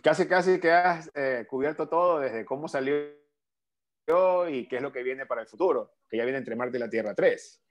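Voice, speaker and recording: A man with a voice at a mid pitch co-hosts an online book presentation. He tells listeners where to find the books. He keeps his replies short and affirming. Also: normal speed. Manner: brief affirming interjections.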